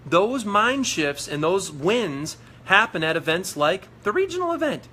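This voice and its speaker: A man's voice: high-pitched, very animated, unhurried, bright, forceful tone, a little hiss or hum. A man giving a fired-up motivational talk on a live video stream, preachy and repetitive as he urges his team on. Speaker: network marketing leader.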